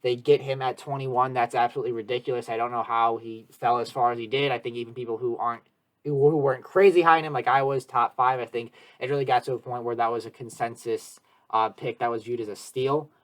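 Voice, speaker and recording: A man's voice: mid-range voice, level tone, quick pace. Eager, talkative man hosting sports talk. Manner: eager, talkative, emphatic analysis. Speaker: podcast host. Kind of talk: casual sports discussion.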